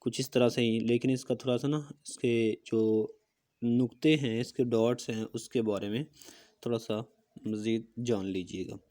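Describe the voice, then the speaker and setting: A man's voice: mid-range voice, steady tone, moderate pace, dark tone. A man teaching a handwriting lesson, explaining patiently step by step while he demonstrates pen strokes with a marker. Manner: patient step-by-step explaining, often checking in with "okay". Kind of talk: recorded calligraphy lesson.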